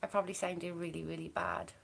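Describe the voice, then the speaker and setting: Here the woman talks fast in a sing-song way, her fairly low, fairly bright voice carrying some vocal fry. She's a livestream host from Wales with a border-area accent, reading viewer comments and gossiping cheerfully.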